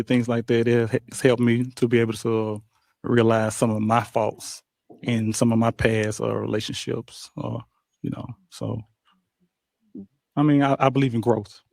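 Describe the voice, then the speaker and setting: A man's voice: mid-range voice, gravelly, warm tone, no echo. Hesitant male dating show contestant. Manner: halting, many fillers and restarts. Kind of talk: casual answers on a dating show.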